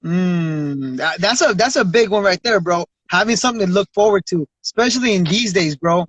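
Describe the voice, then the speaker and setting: A podcast host with a high, slightly rough voice, lively intonation and a fairly bright tone runs a casual interview at a moderate pace. He's slangy and encouraging, often saying "bro" and "you know what I mean." The recording is dry, with a dull lo-fi sound.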